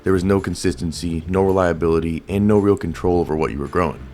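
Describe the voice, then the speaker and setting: A man narrating a history in a steady, informative way, with light music behind. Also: low voice, fast. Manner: informative storytelling. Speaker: host. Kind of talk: scripted narration.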